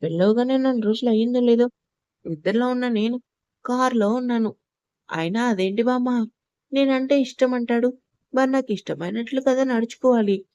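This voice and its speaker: A stubborn young bride grumbles about her husband's orders, spoken by a woman narrator. The voice is fairly high yet warm, and the recording is close and dry. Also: moderate pace, dry recording, natural voice. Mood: complaining.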